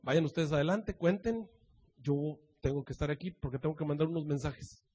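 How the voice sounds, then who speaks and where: A man voicing a calm, authoritative divine figure who gives gentle instructions in a sermon retelling. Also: fairly high pitch, slightly rough, long reverb tail, pitched below the performer's own voice. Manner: soft, measured instructions.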